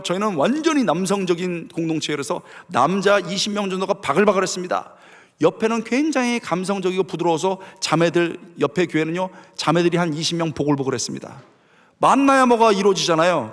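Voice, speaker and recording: A middle-aged male pastor preaches in a high, very lively voice, acting out quotes and sound effects as he tells his stories. His voice rings through a church sanctuary with a long, lingering reverb. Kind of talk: sermon.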